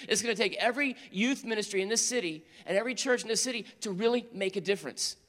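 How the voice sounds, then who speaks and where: A man preaching to teenagers in an earnest storytelling manner, rising to urgent appeals and dropping to quiet, tender moments. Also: high voice, quick pace. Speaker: youth pastor. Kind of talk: sermon to teenagers. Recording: long hall reverb.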